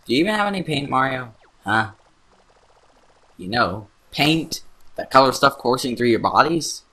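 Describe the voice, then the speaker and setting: A man's voice: medium pitch, very animated, moderate pace, sharp tone. A man doing a brash, bossy talking paint can. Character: cocky talking male paint can sidekick. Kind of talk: let's play voice-over.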